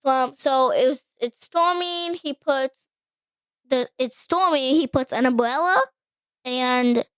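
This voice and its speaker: Podcast guest, woman, high voice, rambling and eager, dry mic. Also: slow pace, a bit bright, smooth, dry recording. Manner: eager, rambling, with many likes and restarts. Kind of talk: casual movie recap chat.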